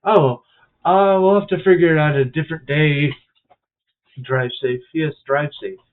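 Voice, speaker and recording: He streams a wrestling game and comments on it in a loose, musing way, hesitating and filling gaps with fillers. His voice is on the high side and a little slow, heard through a thin, tin-can-like phone sound.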